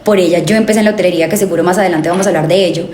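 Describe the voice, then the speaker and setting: A woman's voice: fairly low pitch, very fast, slight background noise. Young Colombian woman telling her story. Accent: Colombian, coffee region. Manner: animated storytelling with many fillers and self-corrections. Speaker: guest, tourism graduate. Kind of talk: conversational interview. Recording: echoey room with faint ambience.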